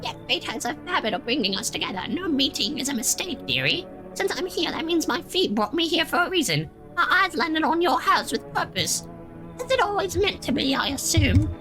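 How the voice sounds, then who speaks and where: Woman putting on a high, tired old crone. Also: big pitch swings, moderate pace, over music. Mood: wheedling, weary. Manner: folksy, riddling, calls listener dearie. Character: cryptic, sly old woman wanderer, wheedling.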